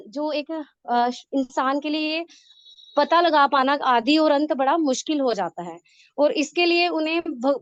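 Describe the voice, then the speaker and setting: A woman hesitantly explaining a scripture verse in a study class, often pausing and restarting. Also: sits high, no room sound, muffled recording. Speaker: class participant.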